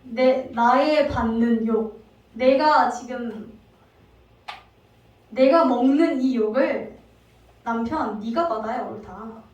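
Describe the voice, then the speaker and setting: A woman preacher acting out an indignant wife who scolds her husband slowly and emphatically. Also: sits high, lively intonation, muffled recording. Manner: slow, emphatic and loud. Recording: very echoey hall, distant mic.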